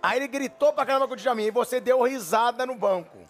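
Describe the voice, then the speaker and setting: A man's voice: very high-pitched, fast. A man hosting a football podcast, prodding his guest for stories in a casual, teasing chat and laughing along. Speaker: podcast host.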